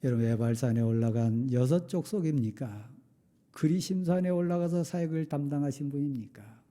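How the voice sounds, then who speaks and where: A middle-aged male pastor preaching a sermon, firing off rhetorical questions and sometimes dropping to a soft confessional tone. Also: mid-range voice, brisk. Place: church sanctuary.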